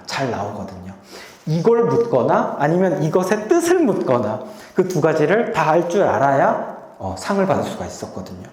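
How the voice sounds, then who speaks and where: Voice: medium pitch, a little mellow. A pastor giving a Sunday sermon in a church sanctuary, telling it like a story and leading the congregation in reading together. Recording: echoey hall with long reverb.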